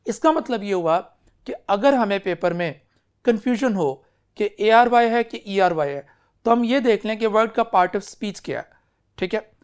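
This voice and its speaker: In a high-pitched, expressive, smooth voice, a man lectures on English spelling, moving between Urdu and English. He takes it slow and deliberate, offering many examples of how words are spelled. He calls his students "beta" and keeps asking if they follow along.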